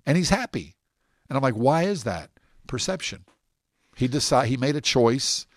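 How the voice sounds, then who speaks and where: A man being interviewed, telling stories in an animated, rambling way. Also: medium pitch, moderate pace, no room sound, studio quality. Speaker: guest. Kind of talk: casual interview talk.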